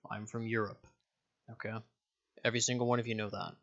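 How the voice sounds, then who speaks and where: Rambling young man, bright voice. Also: on the low side, little pitch movement, brisk, dull audio. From Denmark. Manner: rambling, swears casually, self-correcting. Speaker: YouTuber. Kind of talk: casual direct-to-camera vlog.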